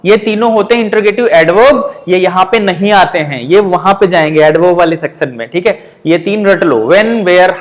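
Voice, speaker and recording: A man with a Hindi accent teaching English grammar for exam prep, explaining patiently with frequent checks and slow example sentences. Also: sits high.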